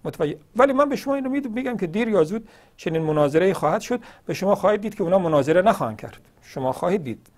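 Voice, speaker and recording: A man's voice: sits high, expressive. A man hosting a religious call-in show, answering callers in an argumentative, impassioned way with rhetorical questions. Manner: argumentative, rhetorical questions, acts out quoted dialogue.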